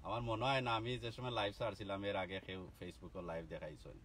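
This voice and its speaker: A man's voice: lowish voice, fairly even intonation, brisk, a bit bright. Sylheti man, live stream host, chatty, teasing, faint hiss behind. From Bangladesh. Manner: chatty, teasing, peppered with inshallah. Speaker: vlogger livestreaming from a car. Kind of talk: casual live stream chat. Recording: faint background noise.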